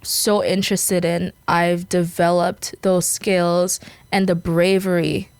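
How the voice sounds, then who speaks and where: This young adult woman from Guyana is a podcast guest chatting casually in an interview, laughing often and using lots of fillers. Her voice is lowish and slow, with little pitch movement and a clean tone, recorded dry.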